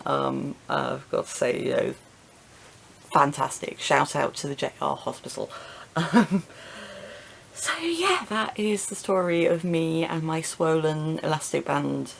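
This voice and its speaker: Young woman vlogger, low gravelly voice, hesitant ramble full of ums, light hiss behind. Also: unhurried. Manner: self-deprecating, chuckling now and then. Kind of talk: rambling casual chat to camera. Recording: faint hiss.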